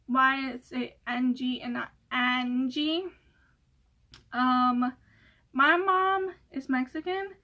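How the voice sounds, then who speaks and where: High-voiced young woman rambling casually. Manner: rambling, many fillers and restarts; giggly, laughs often. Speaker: beauty vlogger. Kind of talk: casual Q&A chat.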